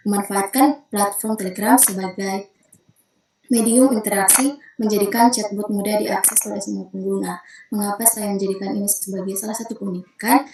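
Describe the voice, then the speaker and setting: A young woman reads through a formal thesis proposal presentation at a steady, orderly pace and stops now and then to correct a word. Her voice sits in the middle of the range. It comes over a video call with a noticeable roomy echo. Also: mid-range voice. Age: young adult. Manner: methodical, steady, occasional self-corrections.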